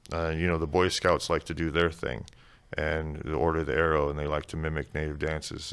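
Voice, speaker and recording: A man with a very low voice and a gravelly edge explains things in a relaxed, unhurried way. His tone stays smooth and clear underneath the grit. He sounds like a guest talking easily in a podcast interview. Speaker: museum executive director and Native dancer. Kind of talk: casual interview talk.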